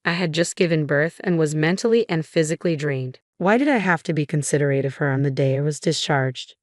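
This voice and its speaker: A woman reading a first-person family drama story in an even, measured way. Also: low voice, dry recording, clean studio sound. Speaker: narrator.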